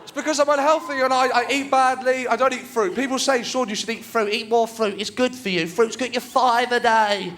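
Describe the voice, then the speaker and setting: On a TV studio stage, a young adult comedian from England delivers a stand-up routine in a nasal, high-pitched voice, with slight background noise. His storytelling is quick and deadpan, drawing loud laughter from the live studio audience.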